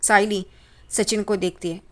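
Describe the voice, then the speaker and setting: Woman, mid pitch, casual conversational recap of a drama episode, slips the characters' lines into her retelling. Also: steady tone, measured pace. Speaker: TV serial recap narrator.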